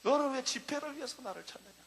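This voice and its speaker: A man's voice: very high voice, lively intonation, fast, gravelly, fairly bright tone, husky, voice pushed down, heavily acted. A male pastor voicing the Lord in a sermon, speaking in a solemn, admonishing tone. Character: the Lord, a calm, grave divine voice. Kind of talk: sermon retelling.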